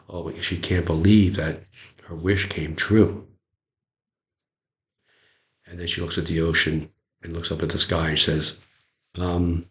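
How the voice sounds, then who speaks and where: A man giving a motivational talk, earnest, repeating phrases with pauses. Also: low-pitched. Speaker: motivational speaker.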